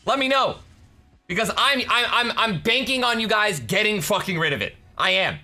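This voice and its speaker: A man's voice: high-pitched, animated, normal speed, sharp tone, faint music behind. A man in his twenties talking casually as a video game streamer, insistent, repetitive and sweary. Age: 20s. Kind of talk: casual live gaming commentary. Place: small indoor streaming room.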